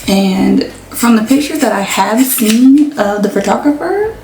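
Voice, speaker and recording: A woman's voice: a little high, lively intonation, a little slow, darkish tone, soft background music. A young woman chatting casually to her viewers, full of slang, talking straight to the camera. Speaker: vlogger. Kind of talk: casual chat. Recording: echoey room, mic at a distance.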